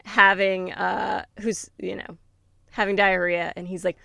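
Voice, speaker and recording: A woman's voice: mid-range voice, little pitch movement, a little slow, creaky, sharp tone, no room sound. A woman co-hosting a book review podcast, retelling a story in a chatty way with lots of fillers. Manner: chatty, many fillers, laughs while retelling. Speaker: podcast co-host. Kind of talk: casual book review chat.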